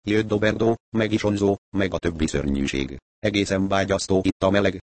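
A man's voice: deep voice, no echo, lightly acted. A man reading an audiobook, voicing an absent-minded elderly woman who mumbles and drifts between memories. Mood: rambling. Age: older. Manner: mumbling, wandering.

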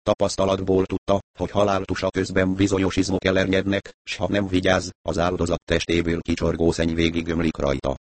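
Male audiobook narrator; deep voice, even and measured, dry close-mic sound. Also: no room sound.

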